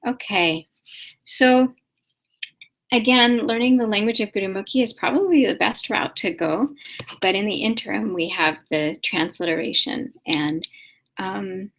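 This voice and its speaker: A woman answering viewers' questions in a live-stream class, speaking patiently with many pauses and soft fillers and repeating sounds to show how they are said. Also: medium pitch. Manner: demonstrates pronunciation by repeating sounds. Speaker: spiritual teacher answering questions.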